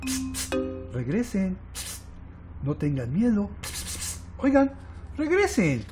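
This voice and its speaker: A man doing a timid little girl-blob from a children's storybook, soft and coaxing, her voice hushed and pitched high with a lively, swooping lilt. She speaks slowly, as if afraid to be heard. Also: music in the background, full character voice. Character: shy little female ink blob, lonely.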